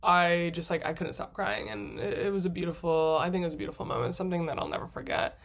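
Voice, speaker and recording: Chatty woman vlogger, lower voice. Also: sing-song, quick pace, a crowd in the background. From United States. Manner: chatty, gushing, laughs often mid-sentence; acts out her own past thoughts in quoted asides. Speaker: travel vlogger. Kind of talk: casual storytelling to camera.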